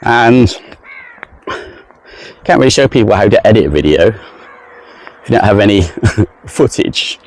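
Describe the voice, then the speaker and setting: A man's voice: on the low side, lively intonation, measured pace, pauses often, no echo. A man talking casually to his camera while walking outdoors around a lake in the heat, rambling and self-deprecating. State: sweaty in the heat. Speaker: travel vlogger. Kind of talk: casual walking vlog monologue.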